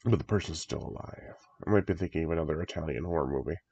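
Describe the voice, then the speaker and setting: A fast-talking man with a rumbling low, creaky, mellow and slightly rough voice reacts to a horror trailer while congested from a recent cold. Enthusiastic and rambling, he chuckles often. It's a dry, dull lo-fi home recording.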